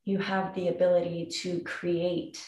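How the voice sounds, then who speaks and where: Slow, calm woman guiding a grounding exercise. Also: lowish voice. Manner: calm, soothing, unhurried instructions with long pauses. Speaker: meditation guide. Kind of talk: calm guided grounding meditation. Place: indoor room with wooden floor and plank wall. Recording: roomy echo, distant microphone.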